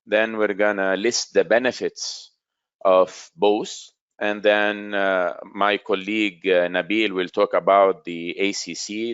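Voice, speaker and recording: A man in his forties presenting a business webinar in a steady, explanatory way. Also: fairly low pitch, clean tone, dry recording, muffled recording.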